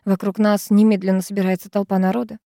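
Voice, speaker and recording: A woman's voice: medium pitch, flat delivery, fast talker, creaky, warm tone, no room sound, studio quality. A woman reading a first-person novel aloud as an audiobook, with dramatic delivery. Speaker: audiobook narrator.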